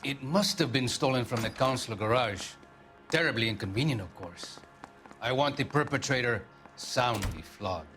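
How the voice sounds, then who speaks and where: Man playing a pompous, bright-voiced Argentine diplomat. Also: mid-range voice, animated, moderate pace, faint music behind, natural voice. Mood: disdainful. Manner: pompous, formal. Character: pompous, haughty male Argentine diplomat, easily offended. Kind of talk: video game crime drama acting.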